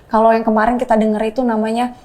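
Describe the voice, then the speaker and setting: A woman's voice: fairly high pitch, flat delivery, fast talker, darkish tone. A woman sharing a personal faith testimony in earnest storytelling, slipping English phrases into her speech.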